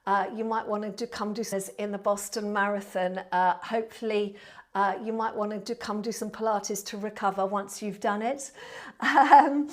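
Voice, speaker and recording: A woman with a southern English accent chatting casually to viewers as a Pilates instructor, in a warm, friendly, chatty manner. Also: medium pitch, steady tone, normal speed. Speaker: Pilates instructor and online class host. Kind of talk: casual livestream chat to viewers. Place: indoor studio.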